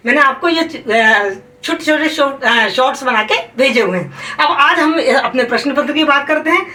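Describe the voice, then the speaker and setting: A woman teaching Hindi grammar for an exam, stressing the rules, repeating them and asking the class if it is clear. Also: sits high, expressive, moderate pace, sharp tone. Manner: calls students "beta". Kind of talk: exam-prep lesson. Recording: roomy sound from a distance.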